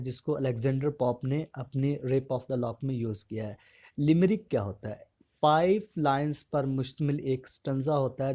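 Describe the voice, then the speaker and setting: A man giving an exam-prep literature lecture, asking a question and then answering it in a steady, explanatory way. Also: fairly high pitch. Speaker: English literature teacher.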